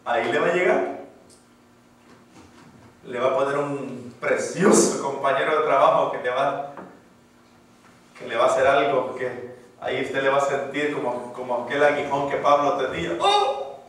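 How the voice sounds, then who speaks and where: A man's voice: medium pitch, steady tone, normal speed, pauses often, far from the mic, a little hiss or hum. Preaching man in a very echoey hall. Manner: call-and-response preaching; swings from loud exclamations to hushed asides. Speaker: pastor. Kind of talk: sermon. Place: church hall.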